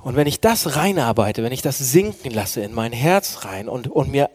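A man preaching a sermon, earnest and direct with his listeners, swinging from loud declaiming to a hushed near-whisper. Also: medium pitch, very animated, moderate pace, slightly rough. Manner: earnest, addresses listeners as friends.

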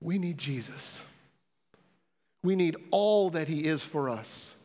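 A man's voice: fairly high pitch, expressive, takes it slowly, darkish tone. A man preaching a sermon as pastor to his congregation, earnest, with pleading questions. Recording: reverberant hall.

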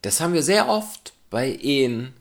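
A man's voice: mid-range voice, big pitch swings, moderate pace. A man giving a reflective spoken essay in a thoughtful, questioning, argumentative way.

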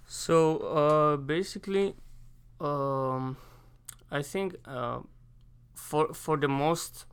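A young adult exchange student from Spain, speaking with a Spanish accent, answers interview questions casually and haltingly. His voice is fairly high and smooth, and he pauses to search for English words.

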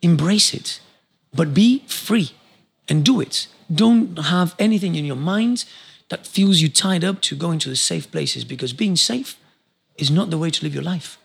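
A man's voice: fairly high pitch, animated, a little slow, gravelly, breathy edge. A man from Argentina, a podcast guest, talking passionately and urging listeners to try new things, often repeating words as he goes. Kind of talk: casual interview chat.

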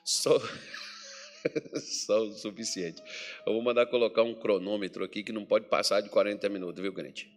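A man's voice: moderate pace, pauses often, soft background music. A Brazilian man preaching a sermon as pastor in a church hall, chatty and joking with the congregation. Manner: jokey, chatty preaching with lively pitch swings.

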